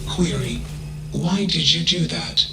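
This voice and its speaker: Flat emotionless ship AI. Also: male voice, fairly high pitch, slow pace, gravelly, roomy sound, background noise, full character voice. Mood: flat logical. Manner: flat, emotionless, clipped machine-like statements. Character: emotionless male ship AI, cold and logical. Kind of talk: video game dialogue.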